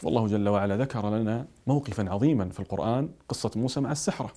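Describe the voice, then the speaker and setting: A man's voice: fairly low pitch, very fast, dark tone. A man preaching a sermon, emphatic, with rhetorical questions.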